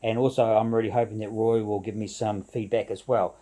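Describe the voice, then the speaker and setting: A man's voice: fairly low pitch, fairly even intonation, brisk, warm tone. A man chatting casually and ramblingly to camera as a video blogger, with a jovial, informal, slangy way of talking.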